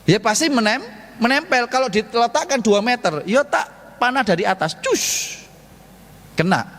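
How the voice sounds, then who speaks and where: A man's voice: very high voice, expressive, moderate pace, a bit bright. A man preaching at a mosque study session, playful and joking, asking the congregation questions and answering them himself. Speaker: ustadz giving a mosque study talk. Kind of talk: lively sermon with jokes to the congregation. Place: large mosque hall. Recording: long hall reverb.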